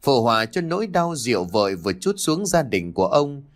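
Male horror storyteller with a lively voice. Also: mid-range voice, fairly quick. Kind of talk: dramatic storytelling narration.

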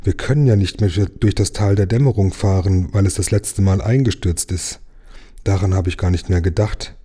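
A man's voice: sits low, normal speed, mellow, slightly rough. A man voicing an eager young boy while reading a storybook aloud.

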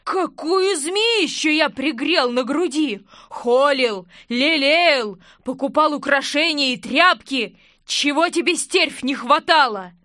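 A woman voicing a fat, middle-aged male innkeeper, wailing and indignant with drawn-out words. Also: sits high, expressive, bright, forceful tone, no echo, studio quality, exaggerated voice.

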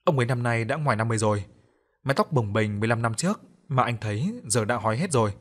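A man reading a ghost story aloud in steady, measured scripted narration. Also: mid-range voice.

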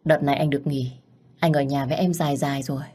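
A woman voicing a tender, playful young husband, speaking softly and affectionately. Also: deep voice, steady tone, quick pace, husky.

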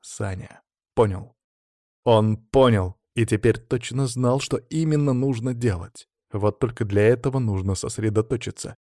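A man's voice: mid-range voice, unhurried, mellow, no room sound. Man narrating an audiobook, dry and close. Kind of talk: scripted narration.

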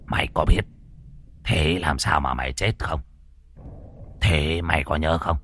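Older sorcerer's helper, played by a man, low, hushed and stammering, calming voice in an audio story. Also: a little fast, slight background noise, heavily acted. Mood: whispering. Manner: low, hesitant, soothing with fillers. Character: older male sorcerer's calm sidekick.

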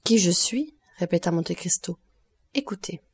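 A woman reading the lines of a grave, commanding nobleman who speaks with steady, quiet calm. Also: on the low side, a little slow, slightly rough. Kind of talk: audiobook reading of a novel.

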